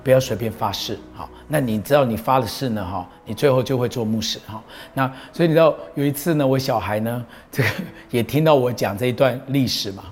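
A man's voice: mid-range voice, brisk. A middle-aged man, a pastor giving an earnest, proclaiming talk that he mixes with personal stories. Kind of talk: preaching talk on a show.

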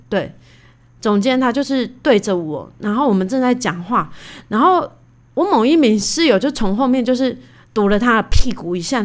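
A woman in her thirties hosting a casual solo podcast, telling stories in a chatty, animated way with lots of fillers. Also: fairly high pitch. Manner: chatty, animated, indignant retelling; many fillers like "you know". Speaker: podcast host.

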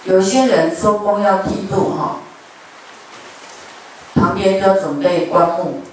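Woman Buddhist teacher, chatty sermon, booming hall echo, voice from far off. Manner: chatty, jokes with the audience. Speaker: Buddhist dharma master. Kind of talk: conversational sermon. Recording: very echoey hall, mic far off, faint noise.

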